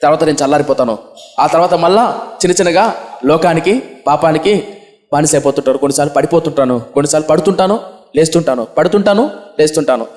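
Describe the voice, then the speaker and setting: A man's voice: fast talker, darkish tone, close to an everyday voice. A preacher voicing a weeping penitent young man. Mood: despairing. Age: young adult. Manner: low, broken, confessional pleading. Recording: echoey room.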